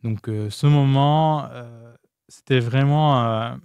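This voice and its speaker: A male podcast guest with a foreign accent in his non-native French, recorded close and dry. He talks candidly and casually, with frequent hesitations and rephrasing. His voice sits at an ordinary middle pitch for a man. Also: darkish tone, clean tone, no echo. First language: not French. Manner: hesitant, pausing and rephrasing often as a second-language speaker. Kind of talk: casual, candid interview talk.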